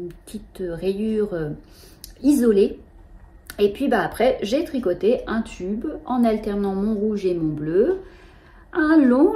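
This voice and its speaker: A middle-aged woman, hosting a knitting show in a casual, halting way with many fillers. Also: mid-range voice, mellow. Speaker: knitting podcast host.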